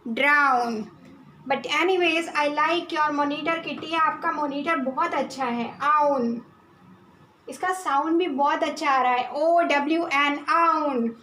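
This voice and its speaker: Slow, bright Indian kindergarten teacher. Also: female voice, sits high, reverberant, low-quality recording. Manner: slow, deliberate spelling out of sounds and letters; mixes English and Hindi in her explanations. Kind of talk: online phonics lesson for small children.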